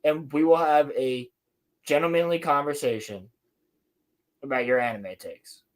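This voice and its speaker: A man hosting a podcast, chatting casually and stumbling over repeated words. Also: fairly high pitch. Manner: easygoing, halting, repeats words. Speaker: podcast host. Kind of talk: casual reaction chat.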